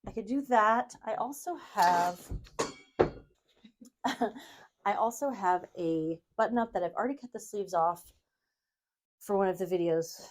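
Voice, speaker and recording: Woman crafting host, casual, rambling, self-deprecating, mid-pitched voice. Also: measured pace, pauses often, slight background noise. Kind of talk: casual brainstorming chat while sewing.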